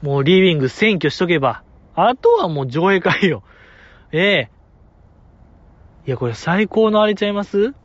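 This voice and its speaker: With a high voice, normal speed and long pauses, a podcast host banters casually over dry, dull lo-fi audio with no room sound. He's animated and jokey, using playful put-on voices for quoted asides.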